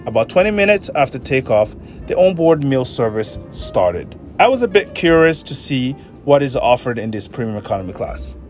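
A man in his thirties reviewing a flight in a measured, matter-of-fact way, filmed on a phone in an airplane cabin. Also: mid-range voice, very animated, soft background music. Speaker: travel vlogger. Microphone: phone held at arm's length.

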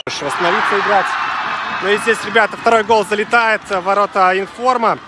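A man's voice: high voice, fairly even intonation, a little fast. A man commentating live on a football match, chatting with his co-commentator. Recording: very loud stadium crowd and noise. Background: loud crowd and outdoor stadium ambience.

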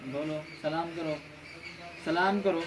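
A man's voice: on the high side, fairly even intonation, takes it slowly. A man in his thirties from Pakistan, chatting casually with his kids as a family vlogger outdoors. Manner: chatty, teasing questions to the kids. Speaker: vlogger, father. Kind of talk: casual family vlog chat. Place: outdoor village courtyard. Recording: outdoor courtyard with clear noise.

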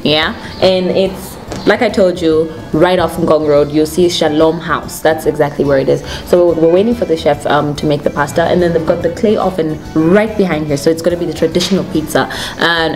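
Her voice is low-pitched and a bit quick, with hardly any pauses. This young Kenyan-accented food vlogger talks informally to camera from an indoor restaurant table, giving a relaxed review while music plays in the background.

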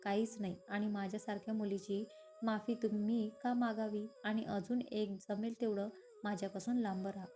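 A woman's voice: mid-range voice, flat delivery, normal speed, warm tone, faint music behind, natural voice. A woman voicing a proud, strong-willed young woman from a poor family, hurt and defiant in a narrated romance story. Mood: cold.

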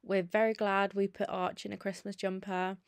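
A woman's voice: medium pitch, flat delivery, normal speed, dry recording. A young woman giving a casual, chatty voice-over for her vlog, giggling now and then. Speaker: vlogger. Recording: dry voice-over with faint music.

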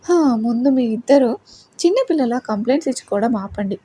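A woman's voice: on the high side, fairly quick, dark tone, breathy edge. Woman reading a fond, scolding mother-in-law. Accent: Telugu. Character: loving playful middle-aged mother-in-law.

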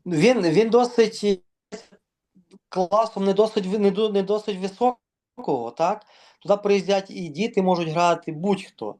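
A man from Ukraine, a volleyball organizer, talking casually in an interview and pausing often with fillers and restarts. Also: high voice, darkish tone. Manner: hesitant, many fillers and restarts.

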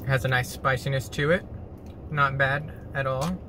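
A man's voice: mid-range voice, background noise. A man reviewing food in a casual, plain-spoken way, chewing while he talks. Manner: relaxed, plain-spoken, unhurried.

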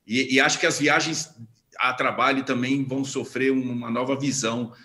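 A man's voice: mid-range voice, steady tone, moderate pace, sharp tone. A man moderating a panel on a video call, chatty and jovial with his guests.

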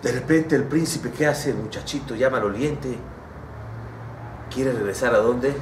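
A man with a Mexican Spanish accent, a rabbi telling a story in a sermon in a dramatic, animated way. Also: medium pitch, a little slow, recorded from a distance, background noise. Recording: echoey room with faint ambience.

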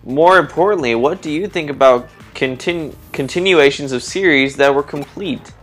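A man's voice: a little high, moderate pace, fairly bright tone, soft background music. A man reading as an indignant fan.

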